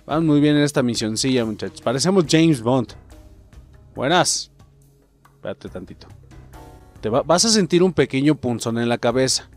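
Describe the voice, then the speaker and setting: Excitable Mexican man gaming. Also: mid-range voice, normal speed, long pauses, faint music behind. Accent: Mexican Spanish. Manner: excitable, profane, jokey, addresses viewers. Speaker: gaming channel host. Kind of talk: gameplay commentary.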